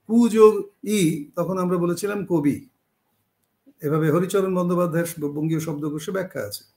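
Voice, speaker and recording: A man giving a spoken lecture on spelling and word roots, explaining slowly with frequent pauses and self-corrections. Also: high-pitched, a little mellow. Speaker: teacher.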